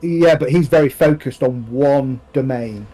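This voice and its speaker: A man running a tabletop role-playing game on stream. He narrates scenes and talks rules in a relaxed way, with pauses and fillers. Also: medium pitch, rough recording. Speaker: game master.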